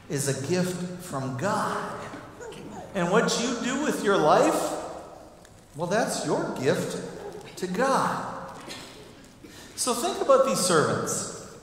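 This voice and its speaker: Middle-aged pastor guy preaching slow and chatty, big echoey church, mic far away. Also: high-pitched, fairly bright tone, slight background noise. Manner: conversational, asks the congregation questions. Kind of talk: sermon. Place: church sanctuary.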